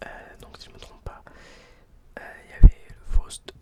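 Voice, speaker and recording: A man's voice: moderate pace, far from the mic. A man whispering hesitantly right into the listener's ear as an ASMR host, recorded at home on a close binaural microphone. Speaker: ASMR video host presenting old books. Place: indoors at home.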